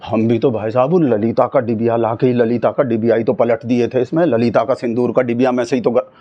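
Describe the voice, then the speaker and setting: A man playing a naive, excitable village man who rambles, swinging between high excited bursts and low mumbled asides. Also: a little fast, dull audio, lightly acted. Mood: mumbling asides. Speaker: comedian playing a satirical character. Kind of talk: comic satirical monologue.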